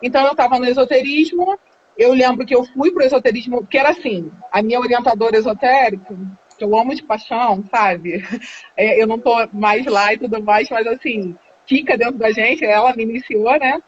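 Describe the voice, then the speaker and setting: A Brazilian woman telling her own story in a casual, animated way, laughing often and acting out the dialogue. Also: fairly high pitch, a little fast, slight background noise. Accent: Brazilian Portuguese. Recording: dull lo-fi live stream audio.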